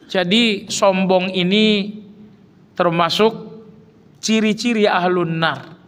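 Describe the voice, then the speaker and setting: A man's voice: high-pitched, steady tone, slow, fairly bright tone, smooth. A man preaching a sermon to a congregation, explaining terms and putting questions to his listeners. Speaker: Islamic preacher. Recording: long hall reverb.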